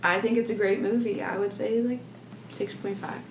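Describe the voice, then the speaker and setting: A woman of middling pitch gives her casual movie review, hedging and sprinkling "like" through her sentences. Her voice carries a roomy echo with a faint hiss of background noise. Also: fairly even intonation, moderate pace. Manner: hedging, filler-laden talk with frequent "like". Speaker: podcast guest reviewer.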